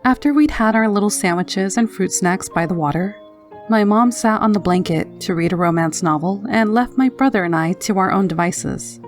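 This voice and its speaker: A woman narrating a scripted first-person scary story in a low, haunting, measured manner. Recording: narration over background music. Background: music.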